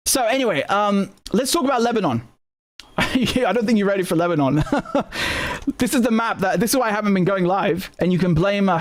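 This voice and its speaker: A man with a high voice hosts a live broadcast on current affairs. He comes across as easygoing, animated and snarky, often repeating words and swearing along the way.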